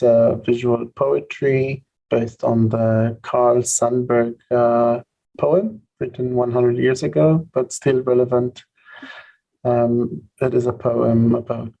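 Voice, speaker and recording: A filmmaker introducing his film in a festival Q&A, measured and pausing with fillers. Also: mid-range voice, vocal fry, warm tone, lo-fi sound.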